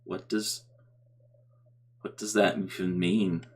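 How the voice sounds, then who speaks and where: A man in casual reaction commentary, slow and meandering, with halting restarts. His voice sits low, and he takes his time with every thought. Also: little pitch movement. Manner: rambling, halting, with many fillers. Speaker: streamer reacting to a video.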